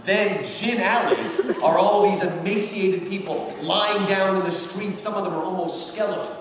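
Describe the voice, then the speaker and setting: A man delivers an animated public lecture on a literary work in a large hall, emphatic and talkative, reading quotations and punctuating points with questions. His high voice is steady, a bit bright, at normal speed, picked up from far off in a very echoey space with faint noise.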